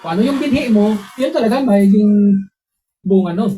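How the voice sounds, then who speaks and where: A man preaching a sermon as a pastor, telling personal stories in an animated way and putting questions to his listeners. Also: high voice, moderate pace, low-quality recording. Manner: animated storytelling, voices quotes, asks listeners questions.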